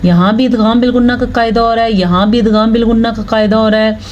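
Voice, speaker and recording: A woman teaching Quran recitation rules step by step. She explains each rule patiently, checks in often, then chants the Arabic words slowly. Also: fairly high pitch, steady tone, darkish tone, dull audio. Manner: checks in with "thik hai" often. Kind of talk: slow, step-by-step tajweed lesson.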